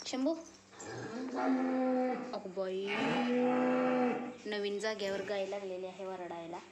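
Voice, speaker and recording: A young woman from Maharashtra, a mother filming her baby near the cows, cooing at him in high sing-song baby talk and murmuring plainer asides to her viewers. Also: steady tone, slow pace. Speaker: vlogger mother. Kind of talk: home vlog talking to her baby and viewers. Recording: noisy home phone recording.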